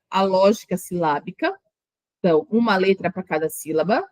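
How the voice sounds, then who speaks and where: A woman teaches a lesson, her voice sitting fairly high. She explains patiently and breaks words into slow syllables. The sound is dry and close, with no room echo. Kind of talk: online exam-prep lecture.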